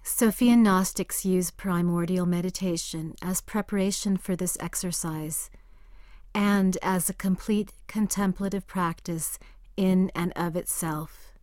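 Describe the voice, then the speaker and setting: A woman leads a guided meditation at a very slow, unhurried pace. Her voice sits a little low and stays soft and calm, sometimes sinking into a whisper. The sound is dry and close, with no room around it. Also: no room sound.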